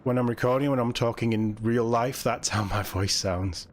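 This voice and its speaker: A young male streamer chats with his viewers while he plays, quick to get excited. His voice sits in a middle range. A faint hiss runs under it. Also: medium pitch. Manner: chatty and excitable, reacting to the game and greeting viewers. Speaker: game streamer. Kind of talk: casual live-stream chat.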